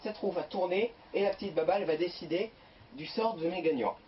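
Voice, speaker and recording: High-voiced man hosting a game show, lo-fi. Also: fairly quick. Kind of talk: game show hosting with halting, improvised interviews. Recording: dull lo-fi sound with faint noise and clicks.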